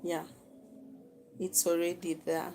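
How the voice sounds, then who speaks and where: A woman's voice: on the low side, flat delivery, slow, warm tone, a little hiss or hum, poor audio. A woman with a Kenyan accent teaching a live online masterclass on social media management, coaching her viewers, repeating phrases and checking in with "okay?". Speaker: social media marketing instructor.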